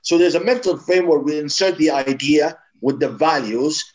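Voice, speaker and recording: A man's voice: fairly high pitch, moderate pace, a little mellow, rough recording. A man from East Africa, a branding expert being interviewed, explaining in an emphatic, advising way with frequent restarts.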